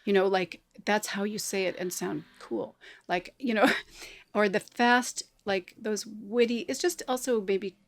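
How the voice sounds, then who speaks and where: A woman's voice: medium pitch, fairly even intonation, unhurried. A woman who grew up in Michigan speaking Swiss German at home, talking casually as a guest with lots of fillers and a sing-song flow. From Michigan, with Swiss parents. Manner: chatty, many fillers, sing-song phrasing. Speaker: guest, cellist and composer. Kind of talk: casual conversation.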